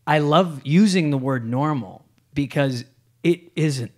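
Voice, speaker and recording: A man hosting a podcast, speaking in a supportive, gentle way with lots of affirmations. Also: a little high, slow pace. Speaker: podcast host. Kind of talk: casual chat.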